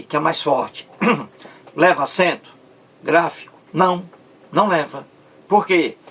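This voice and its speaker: A man gives a patient grammar lesson, speaking very slowly with a gravelly, slightly husky voice. He stretches words out syllable by syllable and keeps checking that his listeners follow. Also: fairly high pitch, fairly bright tone. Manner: slow, stretches out words syllable by syllable, asks rhetorical check-ins. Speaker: Portuguese grammar teacher. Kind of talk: explanatory video lesson.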